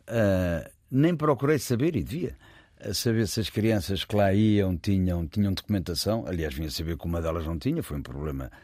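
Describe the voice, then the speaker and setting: Speaking as a guest storyteller, a man with a European Portuguese accent recounts a story casually, wandering off track, fixing his own words, and laughing softly as he goes. He has a deep, slightly mellow voice with lively intonation and a fairly quick pace, captured in a clean studio with no echo.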